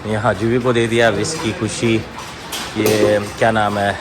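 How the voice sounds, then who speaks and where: A hoarse man working as a dog trainer who explains things calmly in a casual vlog and breaks off to call loud, sharp commands to the dogs. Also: lowish voice, measured pace. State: hoarse from a sore throat. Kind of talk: casual vlog narration while handling dogs. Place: outdoors at a dog hostel. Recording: noisy outdoor recording with barking dogs. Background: dogs barking.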